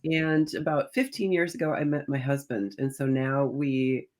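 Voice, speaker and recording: A middle-aged woman with an extremely low, slightly mellow voice talks at a moderate pace with fairly even intonation. She's a historical fiction author appearing as an interview guest, telling stories conversationally and acting out snippets of reported dialogue.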